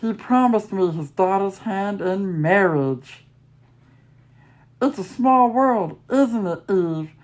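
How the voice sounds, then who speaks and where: A woman's voice: medium pitch, animated, slow, a little mellow. A woman voicing a smug, imperious male businessman suitor in a story game, taunting and possessive.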